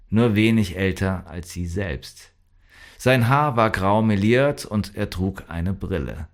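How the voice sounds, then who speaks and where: Deep, slow male audiobook narrator. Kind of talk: scripted crime audiobook narration.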